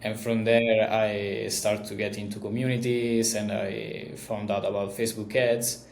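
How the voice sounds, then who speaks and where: Man, strong Italian accent, relaxed interview chat, echoey room. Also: fairly low pitch, measured pace, gravelly, a little hiss or hum. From Italy. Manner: relaxed, chatty, with frequent fillers. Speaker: guest, agency founder. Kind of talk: casual interview conversation.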